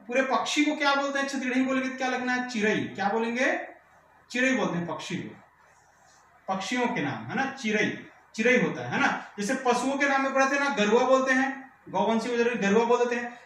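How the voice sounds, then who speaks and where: A man with a high voice runs a vocabulary lesson for exam students. He repeats every term after a quick rhetorical question and checks whether the class has understood. He sounds distant from the mic, in a very echoey room with faint background noise. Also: expressive, a bit bright. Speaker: teacher.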